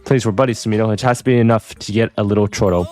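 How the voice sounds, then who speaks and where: Man doing a teasing young schemer guy, very rapid delivery, faint music behind, game dub read. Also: on the low side, steady tone, darkish tone, lightly acted. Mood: scheming. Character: mischievous young male schemer, playful.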